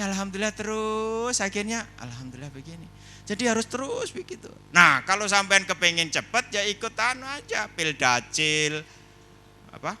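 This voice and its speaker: A man giving a lively, humorous seminar talk indoors, telling stories and putting questions to the audience. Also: on the high side, a little hiss or hum. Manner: animated storyteller, asks the audience questions. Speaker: seminar speaker.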